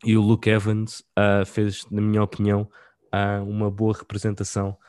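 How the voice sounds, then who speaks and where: A man with a European Portuguese accent chats casually on a podcast. His voice sits fairly low and is recorded dry, with hardly any room sound. His wording is informal and full of slang. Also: monotone, moderate pace, darkish tone, smooth, no echo. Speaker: podcast co-host. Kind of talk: casual chat.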